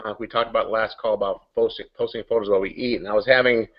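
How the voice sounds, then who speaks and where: A man's voice: on the low side, steady tone, quick pace, highs cut off. A man hosting a casual online coaching hangout, rambling and searching for his words, talking through a computer mic on a video call.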